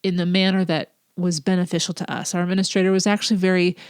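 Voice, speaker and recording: Here a stuffed-up woman talks fast in a fairly low, flat voice, her nasal tone betraying a cold. A teacher by trade, she hosts a casual solo podcast, speaking earnestly and reflectively and at times sinking into breathy whispers, captured in a dry, clean studio recording.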